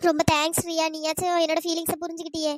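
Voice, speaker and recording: A woman's voice: extremely high pitch, little pitch movement, very fast, dry recording, studio quality. Maha, a woman doing a timid young bride. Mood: worried. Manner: hesitant, worried.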